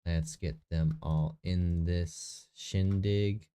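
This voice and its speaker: In this casual screen-recorded prep vlog, a young man gets a tabletop game session ready in his bedroom, musing aloud, rambling and correcting himself as though talking to himself. His low, nasal voice is steady, mellow, clear and resonant, and he speaks very slowly. The room carries a faint echo.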